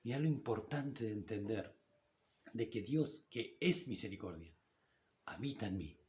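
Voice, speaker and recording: A man with an Argentine Spanish accent preaching a sermon in church, in a conversational way that slows down to read scripture aloud. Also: lowish voice, animated, darkish tone, a little hiss or hum. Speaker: pastor.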